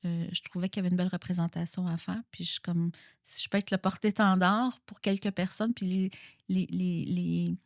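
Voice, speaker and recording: A Québécois woman talks candidly as an interview guest, thinking aloud with many restarts and repeated words. Her voice sits a little low, and the recording is dry and close, with no room sound. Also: fairly even intonation, brisk, creaky, dry recording. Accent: Québécois French. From Quebec. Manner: reflective, frequent restarts and repeated words, code-switches into English phrases. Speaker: guest, business executive.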